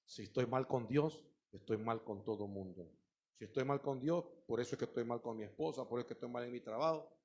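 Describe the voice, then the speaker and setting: A middle-aged man preaching a sermon, emphatic and swinging between loud outbursts and hushed asides. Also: medium pitch, brisk, slightly rough.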